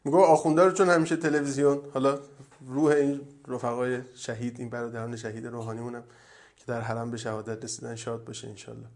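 A man giving a religious lecture, telling stories and often dropping to a soft, low voice. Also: level tone. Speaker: cleric.

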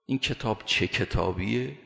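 A man's voice: fairly low pitch, creaky, fairly bright tone. Preaching man in an echoey hall. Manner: emphatic, repeats points with rhetorical questions. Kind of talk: religious sermon.

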